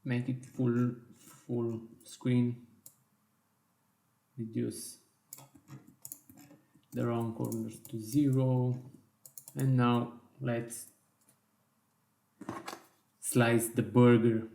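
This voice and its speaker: A man teaching a software design tutorial in slow, step-by-step instructions with small self-corrections, his voice worn and going hoarse. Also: medium pitch, flat delivery, roomy sound. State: losing his voice. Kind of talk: screen-recorded software tutorial.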